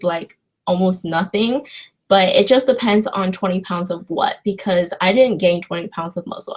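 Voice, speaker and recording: A young Chinese woman hosts a casual livestream, answering viewer questions in a rambling, hesitant way. Her voice sits at a medium pitch and has a slightly mellow quality.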